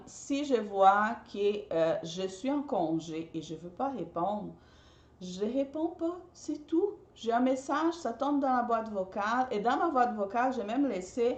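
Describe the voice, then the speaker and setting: A chatty woman, not a native speaker of the language, talks directly to her viewers and often repeats her points. Her voice sits at a middle pitch. The room is roomy and echoey. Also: dull audio. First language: not French. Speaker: party decorator and business coach. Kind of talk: casual advice talk to viewers.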